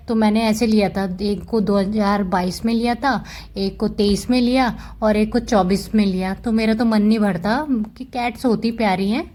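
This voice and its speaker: Woman, mellow warm tone, casual pet vlog voice-over, chatty and fond. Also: mid-range voice. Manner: chatty, fond, explains with "dekho" asides. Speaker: cat vlogger. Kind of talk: casual voice-over about her cats.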